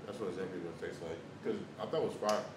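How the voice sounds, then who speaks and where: An American man in his twenties with a fairly low voice chats casually about food, chewing as he talks. The mic is at a distance in a hard, echoey room, and a clear rumbling noise sits behind him. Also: rapid-fire. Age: 20s. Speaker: food reviewer. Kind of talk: casual food review chat. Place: small bare room at a table, indoors. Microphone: camera several feet away.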